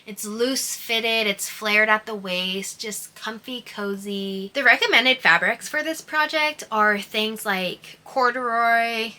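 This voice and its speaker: A woman's voice: medium pitch, slow, few pauses, pushed and bright. An American woman chatting casually and gushingly as a sewing vlogger, with a speech impediment that turns her R sounds toward w. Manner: gushing, informal, emphatic.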